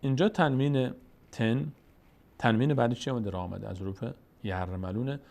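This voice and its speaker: A man with a Tajik accent teaching a step-by-step Quran recitation lesson, explaining each rule and then chanting the example words slowly and drawn out. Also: medium pitch, creaky, a little mellow.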